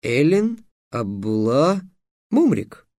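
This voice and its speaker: An excitable clever boy, voice pushed high and eager, as a male reader puts him on. The pitch swings widely, and the sound is dry and close. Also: slow pace, no room sound. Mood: excited. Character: excitable clever young boy wizard apprentice.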